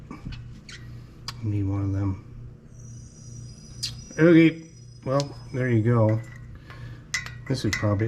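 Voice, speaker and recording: A man's voice: fairly low pitch, background noise. A man talking casually as a mechanic in his garage, muttering to himself in short bits of shop talk while he works. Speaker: mechanic restoring an old car in a home garage. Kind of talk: casual hands-on workshop vlog. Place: home garage.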